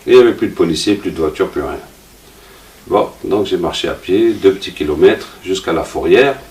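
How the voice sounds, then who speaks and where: Man, low voice, preacher, storytelling, rhetorical questions, distant mic. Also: brisk, a little mellow. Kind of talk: informal religious talk with personal anecdote. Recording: roomy, distant mic, faint noise.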